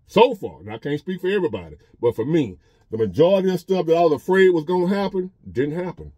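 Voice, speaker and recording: Sitting in a parked truck, a vlogger in his fifties preaches earnestly and repetitively to his phone camera, like a casual motivational talk. His voice is a little high, dark, and breathy-edged, fast and animated. The studio-quality sound has no echo.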